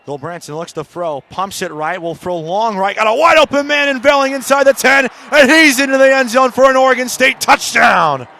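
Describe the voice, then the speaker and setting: A very high-voiced American radio commentator calls a college football game live from the stadium, talking at a moderate pace with few pauses and a sharp tone. Outdoor crowd and stadium noise fill the background.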